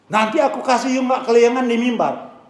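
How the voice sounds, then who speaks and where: A male pastor preaching a sermon with a hoarse voice, swinging from hushed tones to shouting and mixing English phrases into his talk. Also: very high-pitched, animated, fast talker, reverberant. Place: church.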